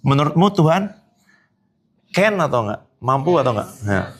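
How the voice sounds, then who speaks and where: A man's voice: medium pitch, big pitch swings, moderate pace, breathy edge. A male pastor preaching a sermon, questioning the congregation and reading scripture aloud. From Indonesia. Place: church hall.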